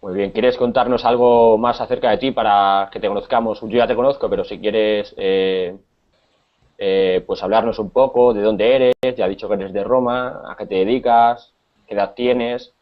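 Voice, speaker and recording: A man's voice: lowish voice, steady tone, moderate pace, muffled recording. A man from Spain with a Spanish accent, teaching an online Spanish class and explaining things patiently with many hesitations.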